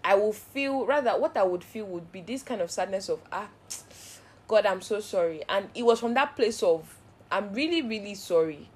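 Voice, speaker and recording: A woman hosting a devotional Bible teaching, speaking in an earnest, heartfelt way and building repeated phrases into steady cadences. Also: medium pitch, normal speed, breathy edge. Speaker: Bible study host.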